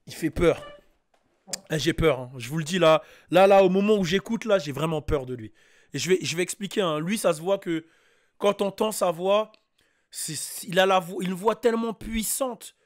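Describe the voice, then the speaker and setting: A man hosting a casual reaction show, talking loudly and excitably with sudden shouted bursts. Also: high-pitched, moderate pace. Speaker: host reacting to a music track.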